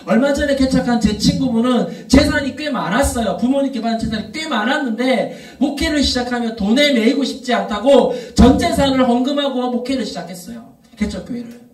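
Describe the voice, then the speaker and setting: A youth pastor in his thirties gives an animated sermon. His voice sits very high for a man. He sounds a little far from the mic in a roomy, echoing church hall. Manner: storytelling, rising to emphatic repeated questions. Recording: echoey room, voice from off mic.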